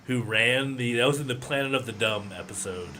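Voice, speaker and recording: Podcast co-host, man, bright tone, giggly, meandering. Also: mid-range voice, brisk, slight background noise. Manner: laughs often, trails off and restarts. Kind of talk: casual chat.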